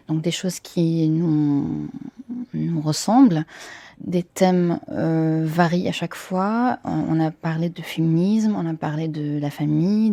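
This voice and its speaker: A twenty-nine-year-old Syrian woman who works in theatre and film answers interview questions casually in a language that isn't her first, often hunting for words. She speaks with a Syrian Arabic accent in a fairly low, warm voice, with no room sound on the recording.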